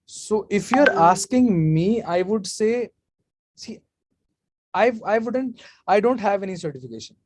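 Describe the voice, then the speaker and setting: A man's voice: high voice, lively intonation, unhurried, background noise. A man, speaking casually as a guest speaker in a live online session and answering questions from the chat. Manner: casual, chatty, off-the-cuff advice.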